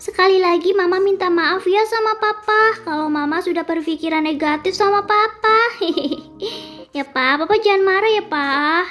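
A woman's voice: very high-pitched, moderate pace, fairly bright tone, faint music behind. A woman voicing an emotional young mother in a game role-play story, prone to jealous, sobbing accusations. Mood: apologetic.

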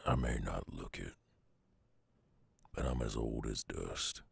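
In an intimate ASMR roleplay, a man plays a gruff, weary werewolf three hundred years old, guarded yet tender, resigned in mood. His bass voice is a very gravelly, husky growl in a full character voice, with a brooding Southern drawl, halting with long pauses and no echo.

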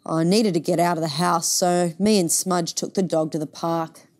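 A woman voicing a weary, downhearted but gently hopeful working-class father in a picture book, resigned and plain-spoken. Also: lowish voice, fairly even intonation, normal speed, close to an everyday voice. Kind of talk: picture book read-aloud.

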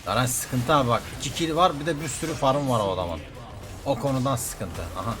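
A young man streaming a game, reacting live in quick excitable outbursts and often repeating words. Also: mid-range voice, over music. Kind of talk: live gameplay commentary.

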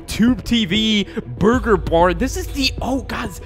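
With music running in the background, this young male gaming host speaks slowly in a high-pitched, expressive voice. His casual commentary on the gameplay is full of jokes and slang, and he addresses his audience as "guys" and "dude."

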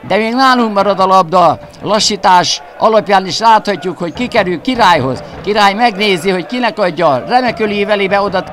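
Guy doing excited football commentary, pretty high voice, gets loud on the big chances. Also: hardly any pauses. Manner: excited, rising into shouts at chances. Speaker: football commentator for the visiting team. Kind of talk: live-style football highlights commentary.

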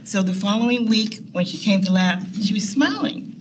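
A nurse educator tells personal anecdotes on a panel from a long meeting-room table, laughing frequently and dramatizing quotes. Her mid-range voice is expressive at normal speed, though the background is noisy.

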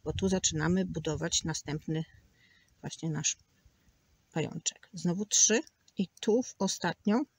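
A woman's voice: lowish voice, measured pace, long pauses, a little mellow, husky, dry recording. A woman teaching a crochet tutorial, patiently counting stitches aloud and sometimes dropping to a near whisper. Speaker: crochet instructor.

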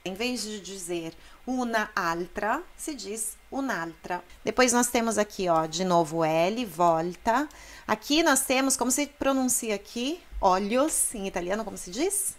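A woman's voice: mid-range voice, expressive, a little slow. A woman from Brazil teaching an Italian pronunciation lesson, explaining patiently and sounding out Italian words aloud. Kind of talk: language lesson.

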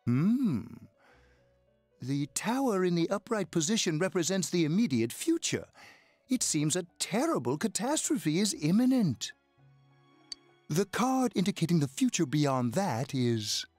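Video game role: mysterious old fortune teller, husky, wildly swooping delivery, music underneath. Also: male voice, sits high, very animated, a little mellow, no echo, full character voice. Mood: intrigued, ominous. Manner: theatrical fortune teller, slow, portentous. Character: eerie, long-nosed old male fortune teller, amused and mysterious. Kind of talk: scripted video game dialogue. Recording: game audio over background music.

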